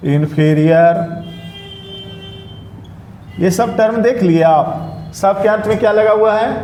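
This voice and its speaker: A man's voice: sits high, slow, warm tone, slight background noise. Male teacher in an echoey classroom. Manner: quizzes students, keeps asking if it is clear. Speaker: English teacher. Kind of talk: interactive classroom lecture. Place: classroom with students. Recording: echoey classroom room sound.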